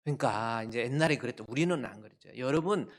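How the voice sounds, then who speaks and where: Male pastor, sunday sermon, emphatic, questions to the congregation, loud bursts then low asides. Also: fast talker. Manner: swings between loud outbursts and low asides. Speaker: senior pastor.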